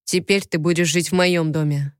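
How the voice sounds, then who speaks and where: Woman reading a blunt, stubborn village man; crisp and dry. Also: on the low side, fairly even intonation, normal speed, dry recording, voice pushed down, lightly acted. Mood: flat. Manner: shouting, insistent.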